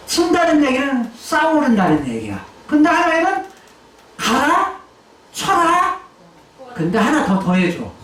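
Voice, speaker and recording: A woman pastor preaching a sermon, acting out quoted lines with sudden shouts and drops in her voice. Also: mid-range voice, slight background noise. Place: church sanctuary. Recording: echoey church hall mic heard from a distance.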